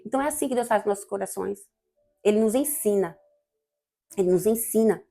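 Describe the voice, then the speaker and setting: A woman's voice: mid-range voice, brisk, vocal fry, warm tone. A woman with a Brazilian Portuguese accent giving an informal, fervent church sermon in a conversational, digressive way. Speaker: church member preaching.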